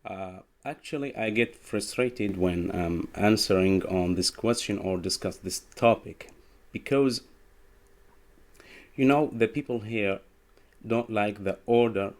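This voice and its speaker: A man, speaking hesitant, halting English full of fillers while telling a story in an online group discussion over a video call. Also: lowish voice. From Iraq.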